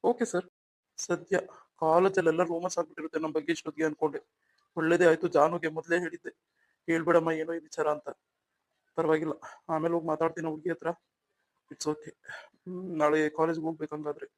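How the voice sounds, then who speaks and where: A man voicing a calm, reassuring young husband in a cartoon story. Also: a little high, fast talker, pauses often, lightly acted. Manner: soothing, reassuring.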